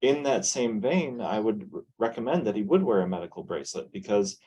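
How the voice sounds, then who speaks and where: A man with a low, mellow voice answers a caregiver's question on a webinar panel. He gives his advice in a calm, measured way. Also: breathy edge, poor audio. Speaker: clinician panelist.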